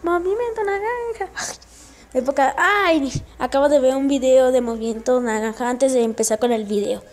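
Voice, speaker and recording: A woman giving casual gameplay commentary for her channel, excitable and yelping often, with direct shout-outs to viewers. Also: on the high side, normal speed. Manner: excitable, with frequent yelps and exclamations. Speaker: gaming channel host.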